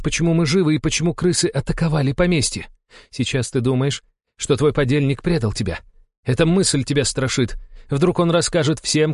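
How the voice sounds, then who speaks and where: A man's voice: fairly high pitch, darkish tone, no room sound, studio quality, pitched above the performer's own voice, natural voice. Man voicing a cold, commanding countess. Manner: icy, measured, accusing.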